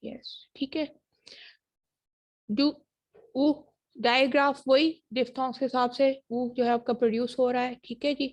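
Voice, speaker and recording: A woman's voice: high voice, fairly even intonation, measured pace, pauses often, a little mellow. A woman teaching a university phonetics lecture, switching between Hindi-Urdu and English and often checking that students follow. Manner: mixes Hindi-Urdu and English, checks understanding with repeated "ठीक है".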